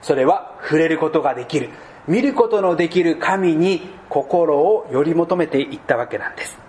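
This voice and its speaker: High-voiced man preaching a slow sermon. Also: expressive, a little hiss or hum. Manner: slow deliberate preaching, dropping to soft low tones. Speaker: pastor.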